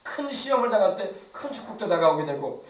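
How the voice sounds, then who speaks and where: A man's voice: high-pitched, sing-song, a little fast. A man preaching a rousing sermon as a pastor, with a regional Korean accent from the Yeosu area. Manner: rousing call-and-response preaching. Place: church sanctuary. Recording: echoey church from far off.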